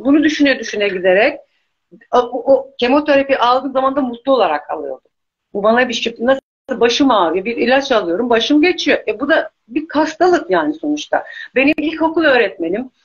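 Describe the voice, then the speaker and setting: A woman's voice: on the high side, husky, lo-fi sound. A middle-aged woman, a life coach guest, talking earnestly and pleadingly in a casual talk-show chat, telling personal stories.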